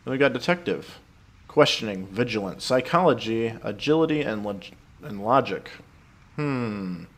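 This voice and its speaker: A man giving casual game commentary, relaxed and thinking aloud. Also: lowish voice, moderate pace. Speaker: let's play gamer.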